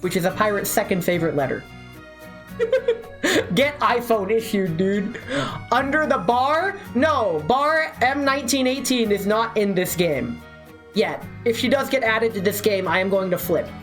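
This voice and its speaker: A young woman streamer rambles and jokes between game lines, swearing freely. Her voice is fairly high and very animated, swinging up and down as she talks. She sounds close to a desk mic during a live stream. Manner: rambling, joking and profane.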